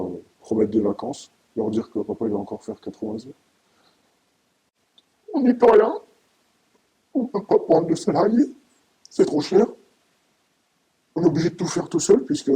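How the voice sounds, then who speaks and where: A middle-aged dairy farmer giving an anonymous interview, his voice disguised by being pitched down deep, speaking haltingly and emotionally with many restarts. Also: very animated, gravelly, dark tone, poor audio.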